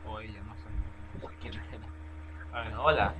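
A young Venezuelan man with a Venezuelan Spanish accent, chatting with strangers on a video chat site and talking into his laptop mic, playful and pleading, breaking into loud calls. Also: lowish voice, steady tone, moderate pace, noisy background. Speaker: vlogger.

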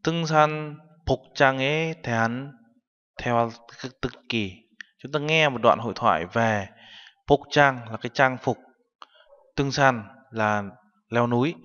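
A man's voice: medium pitch, a little fast, a bit bright, clear, resonant tone. Man teaching with a dull reverberant sound. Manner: explains each term patiently, translating word by word. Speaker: Korean language teacher. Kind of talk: classroom lesson explanation. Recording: dull recording with long reverb.

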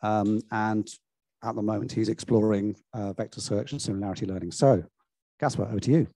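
A man's voice: on the low side, fairly even intonation, creaky, warm tone, no room sound. British guy hosting, intros the next speaker, lots of ums, dry close sound. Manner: casual, halting with ums. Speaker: session host.

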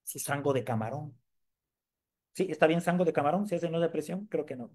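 Lively sales trainer. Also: male voice, on the high side, brisk. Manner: lively, jokes and quizzes the audience. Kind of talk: live sales training demonstration.

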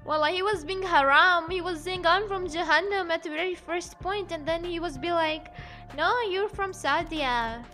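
A woman's voice: very high voice, moderate pace, sharp tone, soft background music. A woman streaming a game, chatting playfully with a teammate and her viewers. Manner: playful, laughing easily. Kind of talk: casual gaming livestream chat.

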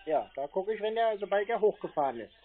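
A man with a high-pitched, sing-song voice talks quickly on a scam call he's baiting, rambling and stalling with easy nonchalance. It's a casual phone chat, and the audio is muffled and narrow-band with noticeable noise.

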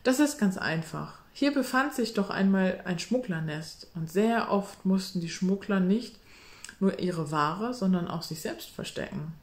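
A woman's voice: medium pitch, animated, measured pace. A woman voicing a cheeky, adventurous schoolboy in a storybook reading, eager in telling, in a roomy echo.

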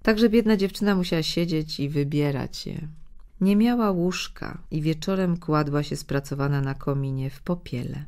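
A woman with a low, deep voice reads a fairy tale aloud for an audiobook. She narrates gently and expressively, giving each character's line its own color. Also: normal speed. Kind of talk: storybook narration.

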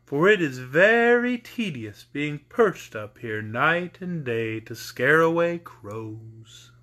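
A man voicing a friendly straw scarecrow with a husky voice, drawling his words slowly and politely in a storybook reading. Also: fairly high pitch, sing-song, a bit bright, full character voice. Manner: slow, drawn-out, polite speech.

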